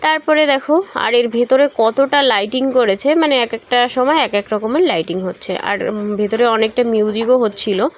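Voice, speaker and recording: A woman's voice: fairly high pitch, normal speed. A young woman from West Bengal narrating a casual travel vlog, talking straight to her viewers with fillers and self-corrections. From West Bengal, India. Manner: chatty, addresses viewers directly, many fillers and self-corrections. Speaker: vlogger.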